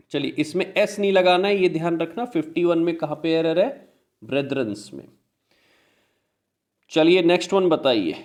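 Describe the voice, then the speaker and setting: A man with an Indian English accent teaching a grammar lesson, explaining in Hindi, reading example sentences slowly and answering his own questions. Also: on the high side, darkish tone.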